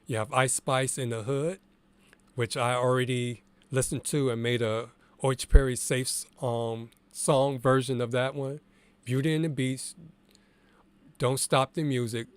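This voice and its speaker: A man with an allergy-congested morning voice talks through his DJ software in a loose, easygoing way, thinking out loud. The recording is dry and close, with no room sound. His pitch sits in the middle range. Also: measured pace, smooth, dry recording. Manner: relaxed and candid, thinking aloud with fillers. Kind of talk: casual screen-share tutorial.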